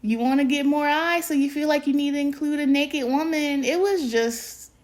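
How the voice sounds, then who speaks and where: A woman's voice: sits high, moderate pace, darkish tone. A woman co-hosting a casual movie review, giving emphatic, opinionated takes.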